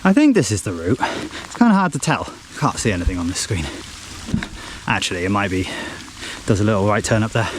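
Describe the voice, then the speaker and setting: A man's voice: lowish voice, sing-song, brisk, pauses often. A man vlogging casually as he runs outdoors, chatting to the camera while on the move. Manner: talking while running outdoors. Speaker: running vlogger. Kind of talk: casual vlog chat to camera. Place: outdoors on rainy hill trails. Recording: noisy outdoor ambience, wind and rain.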